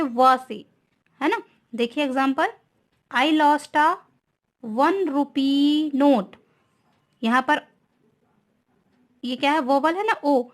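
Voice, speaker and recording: A woman teacher giving a grammar lesson, asking questions and answering them herself. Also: high-pitched. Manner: slow, asks and answers own questions.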